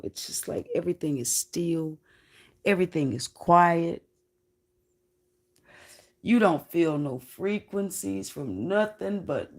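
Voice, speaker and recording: Slow, gravelly-voiced woman storyteller. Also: on the low side, darkish tone. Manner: slow, drawn-out, reflective, casual swearing. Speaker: livestreamer. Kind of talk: casual spiritual storytelling.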